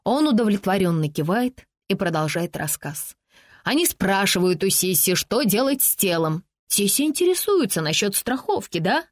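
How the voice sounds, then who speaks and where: A woman narrating an audiobook in an even, measured reading voice. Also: mid-range voice, dry recording, studio quality. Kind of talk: scripted narration.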